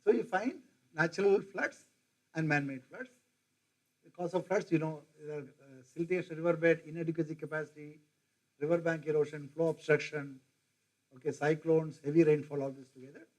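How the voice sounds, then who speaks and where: This poor-quality recording captures an older professor with an Indian English accent addressing faculty at a normal speed. His fairly high voice stays fairly even as he digresses and quizzes the teachers listening.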